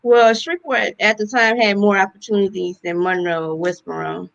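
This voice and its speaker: Woman from louisiana, gravelly voice, chatting relaxed in an interview, kinda muffled line. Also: mid-range voice, moderate pace. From Louisiana, USA. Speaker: guest, real estate investor. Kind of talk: casual interview conversation.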